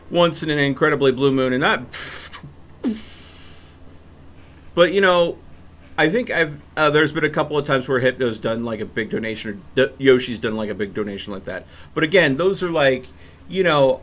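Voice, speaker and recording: Here a young man streams a game, chatting casually in a rambling, hesitant way. His medium-pitched voice is animated and a bit bright, at a normal speed, as he gives live-stream commentary.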